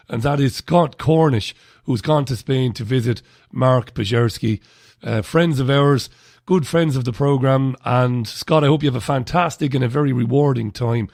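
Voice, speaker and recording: Hosting a live studio radio show, a man in his forties comes across chatty, blunt and sardonic. His mid-range, darkish voice is gravelly and slightly throaty, with lots of vocal fry. The recording is dry and close, with no room echo.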